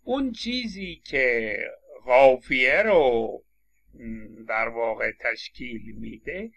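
Male lecturer, bright tone, Persian accent, stop-start delivery. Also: medium pitch, gravelly. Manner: hesitant, with many drawn-out fillers and pauses. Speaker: linguistics lecturer. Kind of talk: recorded lecture.

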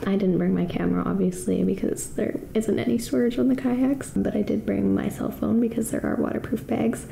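A woman in her twenties talking quietly and half-whispering in a breathy, creaky voice, chatting casually to a camera in a small room. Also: mid-range voice, fairly quick, a little hiss or hum. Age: 20s. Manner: hushed, half-whispered, talking quietly so as not to wake someone. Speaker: vlogger. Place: small indoor room with plain walls.

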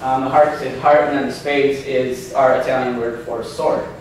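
A man's voice: medium pitch, flat delivery, normal speed, a little hiss or hum. A man in his thirties giving an informal slide lecture, chatty with many ums and restarts, asking the audience questions. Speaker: seminar presenter. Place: hotel meeting room, indoors. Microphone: far camera, no handheld mic. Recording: echoey room from far off.

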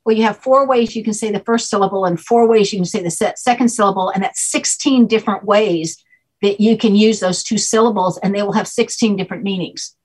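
An older woman appears as an expert guest over a video call from home, patiently explaining her subject at length like a teacher and often checking in with "okay?" Her mid-range voice is brisk, husky, and darkish, and the recording is rough.

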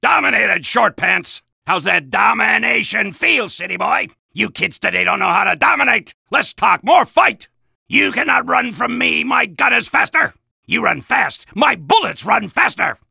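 An actor playing a gung-ho, belligerent American army soldier in a video game, barking bombastic orders and insults in a raspy, gravelly shout. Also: male voice, high voice, dry recording, clean studio sound, heavily acted.

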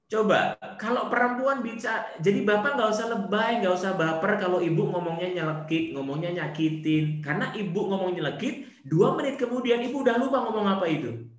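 A man giving an online Islamic study lecture over a video call, animated, with rhetorical questions and playful asides. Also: high voice, fairly quick, roomy sound.

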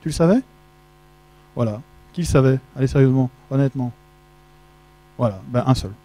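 In a big darkened auditorium with a projection screen, a middle-aged man holds a handheld microphone and gives a relaxed tech conference talk in French. He banters, cracks jokes, and quizzes the crowd. His mid-range voice is brisk and warm, though the recording is rough.

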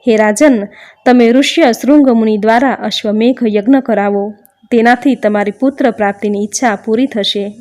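Wise old royal sage, calm counsel, read by a woman narrator. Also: high voice, moderate pace, natural voice. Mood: advising.

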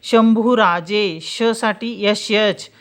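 A woman teaching spelling step by step, saying example words slowly and answering her own questions. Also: medium pitch. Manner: slow, drawn-out pronunciation of example words, asks questions and answers them herself. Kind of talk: spelling lesson, explaining step by step.

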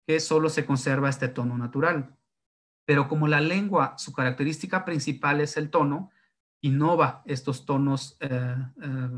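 A man's voice: mid-range voice, fairly bright tone. Zapotec-native man explaining tones. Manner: thinks aloud with many fillers and tag questions. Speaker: linguist. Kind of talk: explanatory talk on writing tones.

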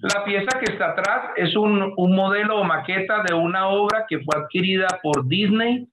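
On a video call from a room in his home, a middle-aged Colombian artist guest with a Colombian accent speaks through his webcam in long, flowing, earnest and effusive sentences. His voice sits high and moves at a moderate pace, with crowd noise in the background and a rough recording.

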